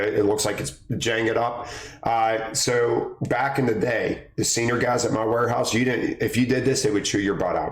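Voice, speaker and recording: Slightly raspy man in a roomy space. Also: on the low side. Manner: chatty, keeps addressing viewers as guys. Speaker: warehouse order-picking instructor and channel host. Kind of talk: casual how-to vlog. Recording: roomy echo.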